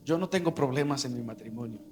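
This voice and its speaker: A middle-aged male pastor, preaching a sermon and building to loud, emphatic peaks while repeatedly addressing his listeners as brother. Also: medium pitch, fast talker, music in the background.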